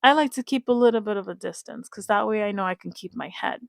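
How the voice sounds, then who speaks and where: A woman's voice: mid-range voice, fast talker, gravelly, no echo. A woman giving casual, emphatic commentary to her viewers, repeating her points and speaking to them directly. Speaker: reality-show commentator.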